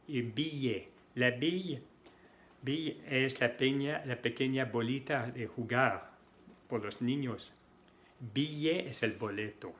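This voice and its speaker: A man who is not a native Spanish speaker teaching French pronunciation in Spanish, slowly repeating each word to model the sounds. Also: medium pitch, a bit bright. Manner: slow, careful, repeats words to model sounds. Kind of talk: slow explanatory lesson with examples.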